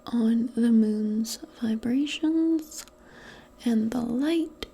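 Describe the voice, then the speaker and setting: A female ASMR performer role-plays a modern witch in a soft-spoken personal attention video, using a fairly high, breathy, mostly whispered voice. She is slow, gentle, soothing and conversational, with faint noise behind her.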